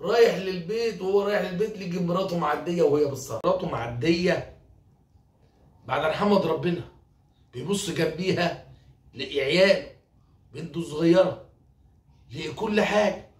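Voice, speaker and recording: A man with an Egyptian accent casually retelling a folk tale in a lively, animated way. His voice is somewhat high for a man, and the sound is roomy, picked up from a distance. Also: fairly quick, pauses often. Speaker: storyteller.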